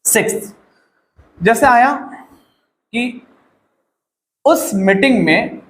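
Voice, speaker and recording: A man's voice: very high-pitched, expressive, very slow, a bit bright, roomy sound, poor audio. A man with an Indian accent teaching English grammar, explaining step by step and repeating words and phrases. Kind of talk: classroom-style grammar lesson.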